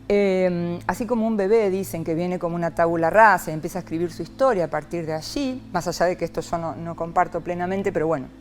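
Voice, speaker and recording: Woman guest, psychologist, lowish voice, expressive and reflective, faint music behind. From Argentina. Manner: expressive, lively, frequent rhetorical "¿no?". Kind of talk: reflective interview talk.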